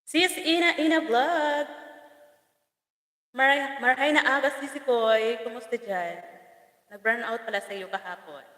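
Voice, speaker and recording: A woman's voice: fairly high pitch, takes it slowly, long pauses, fairly bright tone. A woman from the Bicol region with a Bicolano accent, chatting on a phone live stream, reading out viewer comments, teasing, laughing often and tripping over names. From Bicol region, Philippines. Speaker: farm vlogger hosting a live stream. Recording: echoey room with long reverb.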